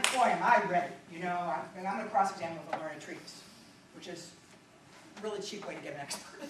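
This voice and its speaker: A woman's voice: medium pitch, background noise. Echoey, distant woman telling a courtroom story. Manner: animated storytelling with frequent audience check-ins. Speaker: speaker, former public defender. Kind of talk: speech to lawyers. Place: lecture hall. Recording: echoey hall, mic far away.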